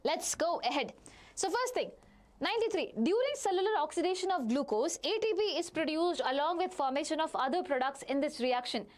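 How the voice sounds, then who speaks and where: Woman, Indian accent, high-pitched voice, online teacher, repeats key phrases, question-and-answer explaining, speaks straight to students. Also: lively intonation, fairly quick. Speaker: biology teacher.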